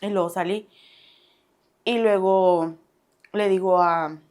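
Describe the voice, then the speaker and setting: A young woman with a Mexican accent, a guest on a podcast, telling her own story in a casual, animated way and often laughing. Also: fairly low pitch, slow pace. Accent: Mexican Spanish. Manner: animated, acts out past dialogue, laughs often.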